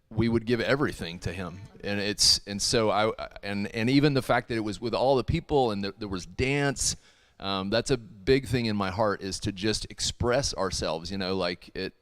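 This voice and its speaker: A worship leader who also acts in ministry videos rambles earnestly on a casual livestream, restarting often. His voice is on the low side, clear and resonant, and the recording is dry. Hebrew is not his first language.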